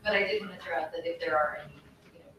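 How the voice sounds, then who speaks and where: A hoarse woman who has lost her voice, speaking offhand and self-deprecating at a legislative hearing. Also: fairly low pitch, rapid-fire, fairly bright tone. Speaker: presenter's colleague. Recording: echoey hearing room from far off, with background noise.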